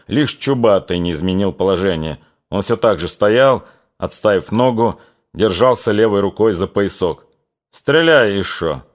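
Brief: low-pitched male narrator, measured literary audiobook reading. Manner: measured, even reading that drops lower and quieter in somber passages.

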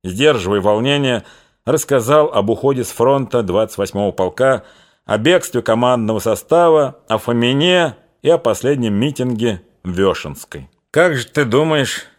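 A male audiobook narrator reads a classic novel aloud in scripted literary narration. His medium-pitched delivery is measured and even, in a storytelling manner.

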